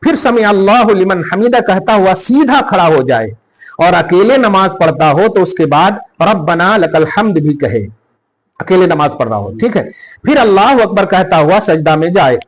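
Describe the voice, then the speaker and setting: A high, sing-song male voice at a moderate pace belongs to an Islamic scholar explaining prayer in a podcast conversation. He goes step by step, emphatically checking the listener understands, on a low-quality recording.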